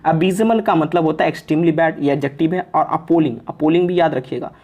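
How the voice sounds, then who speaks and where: A man's voice: on the high side, quick pace, darkish tone. A young man teaching English vocabulary in a casual, chatty online lesson, joking and saying "okay" after nearly every phrase. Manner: chatty, repeats "okay" constantly, jokes and teases.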